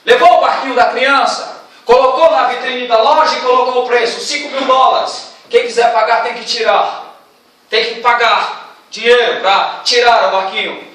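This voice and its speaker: Brief: Brazilian preacher, high voice, dramatic storytelling, heard from far off in a big church. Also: male voice, fairly even intonation, moderate pace. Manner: dramatic, rising to shouts. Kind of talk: storytelling sermon. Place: large church hall. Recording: echoey church hall, distant mic.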